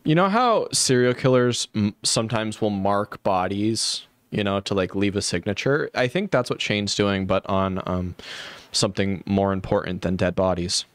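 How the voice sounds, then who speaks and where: A man's voice: lowish voice, normal speed, dry recording. Sarcastic, foul-mouthed male streamer. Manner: sarcastic, profane asides to chat. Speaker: streamer reacting to a video. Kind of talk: live stream reaction commentary.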